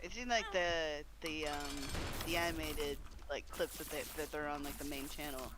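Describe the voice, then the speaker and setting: A friend keeping a streamer company, chatting in a relaxed, rambling way with lots of "like". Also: medium pitch, normal speed, background noise. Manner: relaxed, rambling, many likes. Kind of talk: casual chat.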